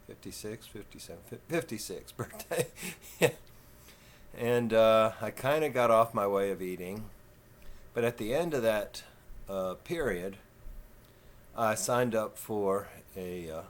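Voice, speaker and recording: A man in his fifties with a Texan southern twang, talking slow and folksy in a rambling, casual vlog. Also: on the low side, slight background noise. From Texas. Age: 50s. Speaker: vlogger.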